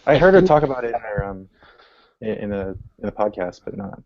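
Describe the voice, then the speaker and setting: A man's voice: on the low side, very animated, fairly quick. A man in a casual group discussion on a call who speaks hesitantly, with many fillers. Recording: dull lo-fi call audio.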